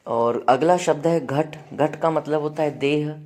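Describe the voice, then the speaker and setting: A man's voice: a little high, a little slow, a little mellow. A male teacher running an exam-prep grammar lesson, listing word meanings and checking in with students with frequent "है ना" and "ठीक है".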